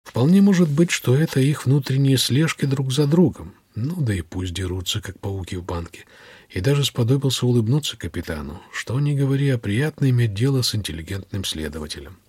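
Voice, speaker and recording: A man's voice: medium pitch, expressive, fairly quick, a little mellow, husky, no room sound. A man reading a novel aloud as narrator, voicing the dialogue without changing his own voice much. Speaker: audiobook narrator. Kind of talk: scripted narration.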